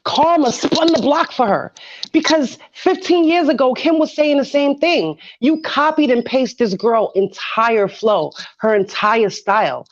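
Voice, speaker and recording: A woman's voice: sits high, animated, unhurried, lo-fi sound. A woman with a New York accent in heated casual discussion, speaking emphatically and repeating phrases for effect. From Brooklyn, New York.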